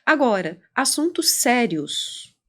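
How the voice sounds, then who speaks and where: Brazilian woman, clinical psychologist guest, fairly high voice, animated explainer. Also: slow pace. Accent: Brazilian Portuguese. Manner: animated, explanatory, acts out quoted dialogue. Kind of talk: conversational podcast interview.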